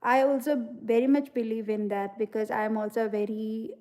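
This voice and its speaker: A woman hosts a casual livestream, talking earnestly about her beliefs. Her voice sits a little high but sounds mellow and warm. She leans on "you know" as she reflects and answers viewer comments. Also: little pitch movement, moderate pace. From India. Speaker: livestream host.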